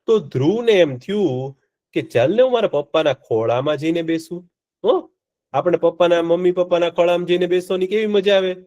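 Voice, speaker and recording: A man telling a story to children in a live class, with a lively storytelling voice that rises and falls as he stops to ask the children questions. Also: high-pitched, fairly quick, highs cut off. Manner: asks the children questions often.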